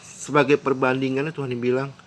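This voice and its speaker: A man's voice: mid-range voice, flat delivery, a little fast, a little hiss or hum. A man telling a personal dream story in a rambling, earnest way, often correcting himself and explaining what he means. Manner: rambling, with frequent self-corrections and restarts; earnest, explains his own words as he goes. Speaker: vlogger recounting a dream.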